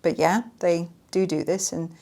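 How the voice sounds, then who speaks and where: A woman's voice: fairly low pitch, fairly even intonation, a little slow, creaky, mellow. A woman hosting a solo podcast, talking earnestly and emphatically and repeating her points for stress. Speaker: podcast host.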